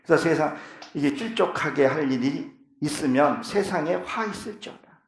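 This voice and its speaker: A man's voice: on the high side, moderate pace. A middle-aged male pastor preaching a sermon in a church, fervent and at times pleading. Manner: fervent, rising to impassioned pleading in prayers. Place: church sanctuary. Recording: echoey church hall.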